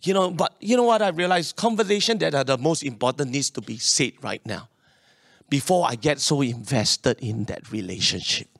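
A man's voice: mid-range voice, animated, moderate pace, a bit bright, no echo, studio quality. A man with a Singaporean accent preaching a sermon in colloquial Singlish, emphatic and repetitive, telling personal stories and seeking responses from his listeners. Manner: colloquial Singlish with particles like leh, eh and huh; emphatic, repeats phrases and seeks audience response. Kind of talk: sermon with personal anecdotes to a congregation.

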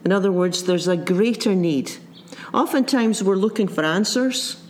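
A man preaching a sermon in a reflective, measured way. He circles back to his main points and repeats them for weight, now and then slipping into the voices of the people he quotes. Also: high voice, lively intonation. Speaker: pastor.

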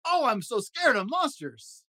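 A man's voice: sits high, very animated, normal speed, a bit bright, no room sound, voice pushed up. A man voicing a lovable, nervous furry monster who begs and frets in a storybook reading. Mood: scared. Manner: fretful, begging, dramatic exclamations.

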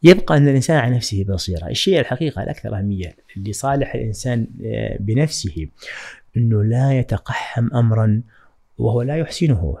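A man talks quickly as a podcast guest, with a mellow, dark tone. He speaks in a measured, reflective way and often stops to hesitate. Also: medium pitch, vocal fry. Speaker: guest, writing trainer. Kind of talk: podcast interview.

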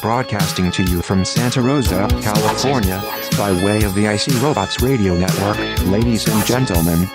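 A grandiose ringmaster played by a man introduces a show with a showman's pomp. His voice sits low, and loud music plays behind him. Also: moderate pace, few pauses, close to an everyday voice. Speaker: show announcer. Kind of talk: ringmaster-style intro announcement.

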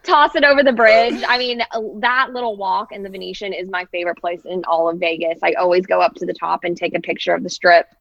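A woman's voice: lowish voice, fairly even intonation, fast talker, creaky, hardly any pauses, a bit bright, dry recording. A woman chatting candidly on a casual podcast, laughing easily with her co-hosts. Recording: slightly dull, dry sound.

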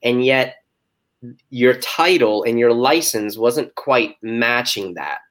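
An interviewer asking open follow-up questions in a casual conversation, with frequent soft affirmations. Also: mid-range voice, animated, slow pace. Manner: encouraging, many soft affirmations.

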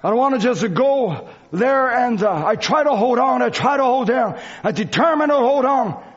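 A man's voice: extremely high pitch, expressive, normal speed. A man preaching a church sermon in non-native English phrasing, exhorting and repeating his phrases with fervor. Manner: repetitive, exhorting, swinging between shouts and quieter talk. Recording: dull lo-fi sermon recording.

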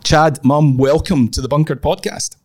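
A man's voice: fairly high pitch, fairly even intonation, moderate pace, darkish tone, no room sound, studio quality. A Scottish man hosting a casual golf podcast, with a nasal voice from a blocked nose. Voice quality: nasal, congested. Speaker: podcast host.

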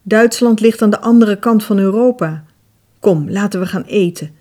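A woman reading an audiobook voices a calm older father who waves off worries in a soothing, easygoing way. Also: medium pitch, normal speed, close to an everyday voice. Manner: placating, easygoing.

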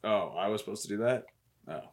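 A man's voice: lowish voice, a little fast. A young man co-hosting a podcast in casual chat, laid-back and joking. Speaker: podcast co-host.

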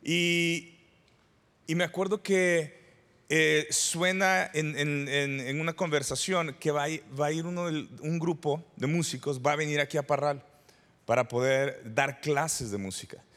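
A man's voice: on the high side, fairly even intonation, measured pace, a bit bright. A man in his forties from El Salvador, preaching a sermon as pastor, conversational, with rhetorical questions and repeated phrases. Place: church sanctuary. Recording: reverberant church hall.

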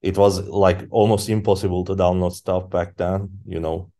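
A man, a podcast guest speaking English as an in halting casual talk with many fillers. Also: low voice, level tone, dark tone. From Turkey. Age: 30s. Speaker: guest musician. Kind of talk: casual interview chat.

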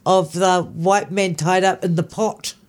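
Chatty Kiwi woman with a low voice. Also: fairly even intonation, a little slow. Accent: New Zealand. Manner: chatty, anecdotal. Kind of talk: casual chat.

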